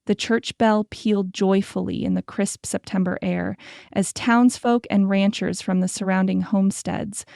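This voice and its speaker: A woman reads a historical romance audiobook in a measured, storytelling way. Her voice is mellow and dark with a gravelly edge. The recording is close and dry, with no room sound. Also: medium pitch, no echo. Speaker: audiobook narrator. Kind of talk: scripted narration.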